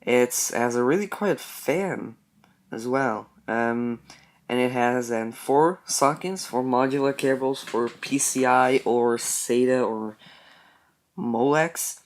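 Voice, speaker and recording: Young male tech vlogger, mid pitch, relaxed and unpolished, filler-heavy. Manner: relaxed, many ums and restarts. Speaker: tech video creator. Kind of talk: casual product walkthrough.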